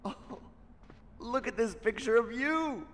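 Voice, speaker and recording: A man voicing a brash young male TV crewman who talks loudly and bluntly, swinging between shouting and muttering. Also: extremely high pitch, lively intonation, takes it slowly, a little hiss or hum, heavily acted.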